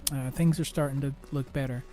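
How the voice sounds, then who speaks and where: A young man hosting a podcast, talking through personal troubles in a halting monologue full of restarts, fillers and swearing. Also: medium pitch, steady tone, mellow, faint music behind. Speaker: podcast host.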